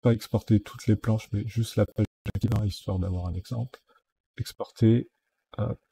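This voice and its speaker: A man narrates a software tutorial over his screen, moving through each step with frequent fillers. His voice is very dark and mellow, with a husky edge. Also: lowish voice, steady tone, normal speed. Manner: step-by-step, many fillers like "donc" and "euh".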